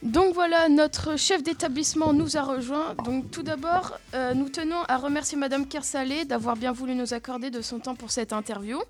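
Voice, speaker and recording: A woman's voice: high voice, fairly even intonation, moderate pace, hardly any pauses, over music. A young student hosting a school web radio show, reading her introduction and questions from notes in a stiff, hesitant way. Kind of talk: scripted school radio interview.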